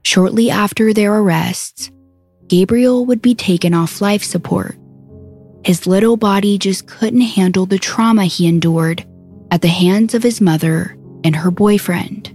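A woman with a husky, mellow voice narrates a true crime story. Her delivery is somber and measured, set over soft music. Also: medium pitch. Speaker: podcast narrator. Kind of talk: scripted narration.

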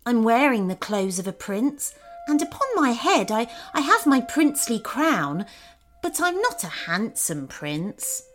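Lady voicing a sad young prince, quiet and sighy, slow, faint music. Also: on the high side, big pitch swings. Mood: glum. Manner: quiet, sighing and self-doubting. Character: gloomy young male prince, soft-spoken and unsure.

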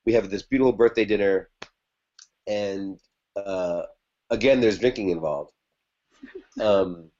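A man's voice: fairly low pitch, a little mellow. Man rambling through a story, dull audio. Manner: rambling, conversational, many fillers and restarts. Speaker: podcast guest. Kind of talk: casual storytelling about a past relationship.

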